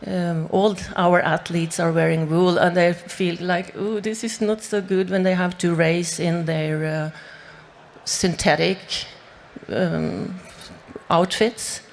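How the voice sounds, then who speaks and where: This Norwegian woman, a native speaker of the language, talks on a panel with plenty of fillers and restarts. Her voice sits on the low side with little pitch movement, slow and creaky, over slight background noise.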